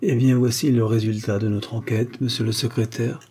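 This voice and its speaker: A man's voice: medium pitch, fairly even intonation, normal speed, warm tone, a little hiss or hum, natural voice. A man voicing a boastful, cheeky Gascon private detective who talks with cocky self-assurance. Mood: assured.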